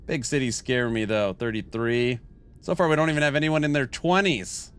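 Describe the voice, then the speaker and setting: This Californian man in his late thirties has a clear, resonant, mid-range voice and keeps a moderate pace. While gaming on his livestream, he chats casually, cracking jokes and reading messages from viewers out loud.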